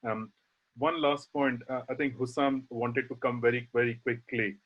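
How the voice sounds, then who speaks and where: A man moderating a webinar panel, asking questions in a halting way with many fillers. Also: mid-range voice, flat delivery. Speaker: session chair. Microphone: video call. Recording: muffled video call audio.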